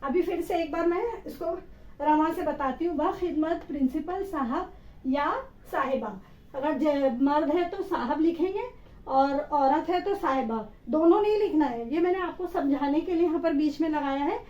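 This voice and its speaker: A woman's voice: high voice, normal speed, darkish tone, echoey room, dull audio. A woman teaching an Urdu spelling lesson, patiently sounding out each letter and syllable.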